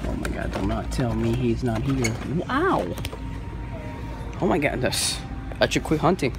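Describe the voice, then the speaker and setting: A man's voice: mid-range voice, very animated, unhurried, background noise. A man vlogging a toy hunt in a large store, muttering to himself as he browses the shelves and dropping Spanish exclamations. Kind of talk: casual vlog commentary. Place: large retail store, indoors.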